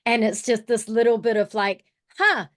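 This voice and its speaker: A woman with a New Zealand accent and a voice on the high side speaks at normal speed on an online video call. Co-presenting in a workshop, she thinks aloud in a casual, reflective way.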